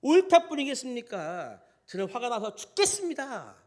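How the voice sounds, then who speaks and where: A pastor putting on the voice of an aggrieved prophet, sulking and loudly protesting to God with a wailing complaint. The voice climbs high and swings wide with indignation, as in a lively sermon retelling. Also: male voice, normal speed, heavily acted. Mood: indignant. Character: angry sulking prophet Jonah, adult man.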